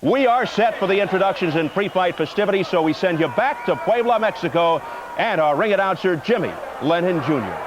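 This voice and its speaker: High-voiced male boxing broadcast commentator. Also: expressive, brisk, noisy background. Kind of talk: sports broadcast rundown of fighter statistics and rules.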